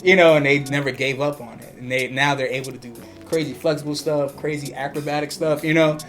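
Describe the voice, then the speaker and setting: A young man from New York co-hosting a podcast, speaking in a relaxed, motivational way and saying "you know" often. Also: mid-range voice. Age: young adult. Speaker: podcast co-host. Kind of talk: casual podcast chat.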